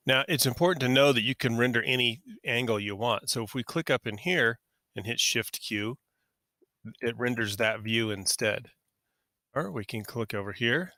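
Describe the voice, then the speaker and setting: Male screen-tutorial instructor, lowish bright voice, casual and methodical, dry close recording. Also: no echo. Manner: casual, talks through each click, self-correcting. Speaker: software instructor.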